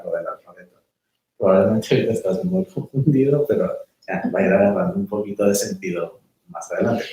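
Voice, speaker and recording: A man teaching a small class in a relaxed, conversational way, often checking that his students follow. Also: lowish voice. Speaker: meditation teacher. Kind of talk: casual class lecture. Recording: very echoey room, mic far off.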